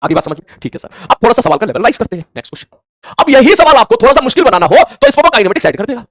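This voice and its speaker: A man's voice: very high voice, dry recording. A man teaching a physics lesson for exam prep. He acts out his students' answers and keeps asking if they follow. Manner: rapid, animated teacher who acts out student replies; addresses students informally, asks checking questions.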